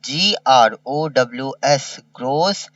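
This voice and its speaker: A man's voice: mid-range voice, expressive, a bit bright, no room sound, recorded from a distance, muffled recording. A man teaching a kindergarten revision lesson. He spells each word letter by letter and repeats it. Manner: slow, spells words letter by letter and repeats them.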